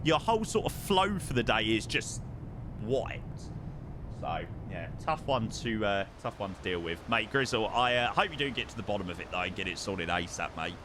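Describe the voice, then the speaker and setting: A man's voice: lowish voice, sing-song, moderate pace, background noise. A British man chatting casually and matily on a flight simulator livestream, often repeating words as he comments on his flying.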